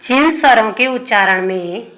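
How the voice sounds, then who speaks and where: A woman's voice: fairly high pitch, a little slow, a bit bright. A woman teaching Hindi grammar in an exam-prep lesson, asking her class questions and answering them herself while dictating notes. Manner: repeats key terms with rhetorical questions.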